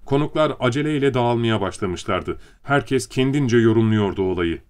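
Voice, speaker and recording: A man narrating an audiobook in even storytelling tone. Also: mid-range voice, moderate pace, clean tone. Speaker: audiobook reader. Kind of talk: scripted narration.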